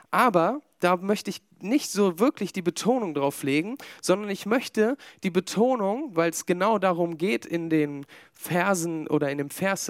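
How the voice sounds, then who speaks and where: A man's voice: high voice, dry recording, studio quality. A man preaching a sermon to a small congregation, talking in a conversational way with fillers and humorous asides.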